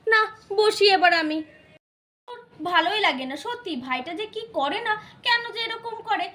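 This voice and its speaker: A woman's voice: very high voice, bright, forceful tone, full character voice. A woman voicing an impatient, scolding elder sister in a doll puppet show. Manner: scolding, complaining, rapid.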